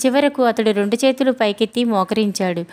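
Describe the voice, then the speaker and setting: A woman narrating a children's adventure story in a steady, plain storytelling way. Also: on the high side, fairly quick. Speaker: audiobook narrator.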